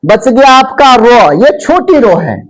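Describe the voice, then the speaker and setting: A woman's voice: high voice, very animated, takes it slowly, rough recording. A woman teaching a grammar lesson, repeating each term and asking and answering her own questions. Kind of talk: classroom lesson.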